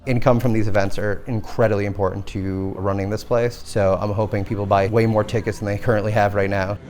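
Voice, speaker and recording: Lowish-voiced man, casual fighter interview. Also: flat delivery, brisk, darkish tone, faint music behind. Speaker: fighter and event organiser.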